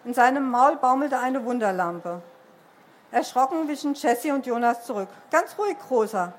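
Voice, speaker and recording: Woman storyteller at bookshop reading, high voice, faint room noise. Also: expressive, normal speed. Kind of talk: reading a children's book aloud. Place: bookshop event.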